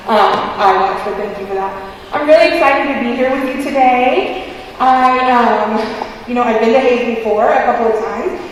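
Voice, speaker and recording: A woman giving an informal, chatty keynote speech through a face mask, playful and self-deprecating as she talks like a teacher to a group. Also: a little high. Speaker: keynote speaker and preschool teacher. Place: large indoor gymnasium. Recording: very echoey gym, distant, faint noise.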